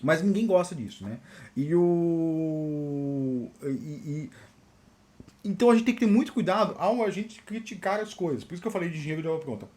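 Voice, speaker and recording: A Brazilian man, a software engineer and channel host, tells work stories in a casual monologue and often adds a quick "né?". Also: fairly high pitch. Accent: Brazilian Portuguese. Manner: animated, peppers talk with "né?".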